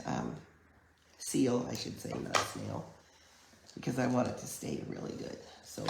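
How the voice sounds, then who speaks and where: A woman with a cold walks viewers through a crafting project, her croaky voice heavily gravelly. She speaks at a slow, unhurried pace, chatty and practical. Her voice carries a noticeable room echo with faint background noise. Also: extremely low pitch, darkish tone. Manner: chatty, unhurried step-by-step explaining. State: hoarse from a chest cold. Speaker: card-making demonstrator. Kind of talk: live online crafting class. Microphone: camera mic at a craft table. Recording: echoey room.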